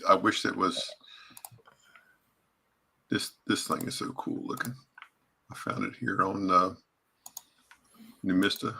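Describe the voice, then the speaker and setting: Deep, gravelly male stream host. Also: bright, forceful tone. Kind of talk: casual live-stream chat. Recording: noisy background with clicks.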